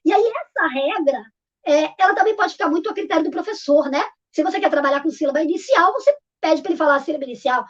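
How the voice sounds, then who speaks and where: A woman's voice: sits high, lively intonation, fast. A woman with a Brazilian Portuguese accent, a literacy teacher explaining classroom games in a live online talk, informal with many fillers and restarts. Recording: dull lo-fi audio.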